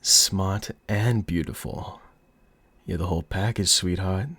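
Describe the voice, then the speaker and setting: A man's voice: sits low, fairly even intonation, slow pace, fairly bright tone, slightly rough, dry recording, heavily acted. A man playing a cocky, flirty, menacing mafia boss in an audio roleplay, with a put-on mobster accent and a smug, teasing drawl.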